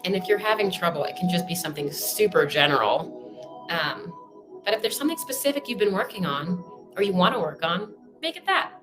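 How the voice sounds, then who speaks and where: A woman's voice: on the low side, animated, fairly quick, over music. A woman leading a workshop over a video call, giving upbeat, encouraging step-by-step instructions. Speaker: workshop facilitator.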